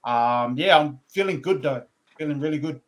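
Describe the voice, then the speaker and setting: Casual man, slightly higher voice. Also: normal speed. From Brisbane, Australia, born in New Zealand. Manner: informal, brotherly slang with "eh" tags. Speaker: podcast guest. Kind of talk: casual interview chat.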